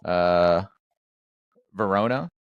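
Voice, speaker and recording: A man's voice: low-pitched, very slow, clear, resonant tone, dry recording, dull audio. A man hosting a podcast, chatting casually with lots of jokes, fillers and restarts. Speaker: podcast host. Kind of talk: casual interview chat.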